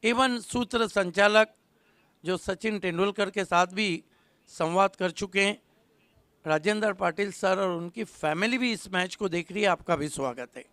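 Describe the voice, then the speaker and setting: A man giving live cricket commentary, full of quips, who jumps to loud calls on big moments. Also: high-pitched, a little slow, dry recording.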